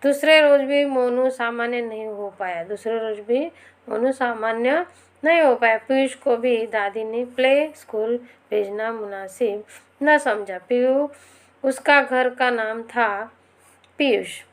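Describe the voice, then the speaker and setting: A woman teacher who reads a chapter line by line, then patiently repeats and explains each part to her students. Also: on the high side. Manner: addresses pupils directly, patient.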